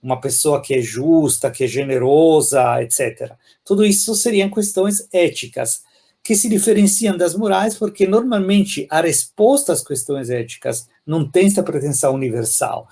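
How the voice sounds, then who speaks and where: A man from Italy with an Italian accent, a philosophy professor explaining ideas thoughtfully in an interview, often pausing and adding "né?". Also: a little high, dark tone, husky. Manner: thoughtful, many pauses and "né?" tags.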